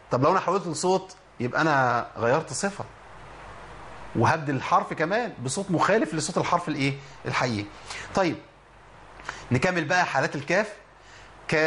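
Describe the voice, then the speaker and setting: Egyptian sheikh teaching Quran pronunciation. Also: male voice, on the high side, a bit bright, a little hiss or hum. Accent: Egyptian Arabic. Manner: drills letter sounds slowly, stretching and repeating example words. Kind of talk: Egyptian Arabic tajweed lesson.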